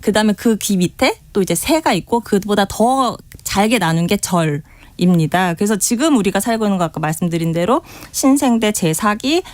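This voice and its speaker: A woman's voice: medium pitch, expressive, moderate pace, darkish tone, no room sound. Woman, radio studio guest, chatty explainer, fillers, dry sound. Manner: chatty explainer, many fillers, retells anecdotes. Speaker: science guest explaining a topic. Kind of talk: radio current-affairs interview.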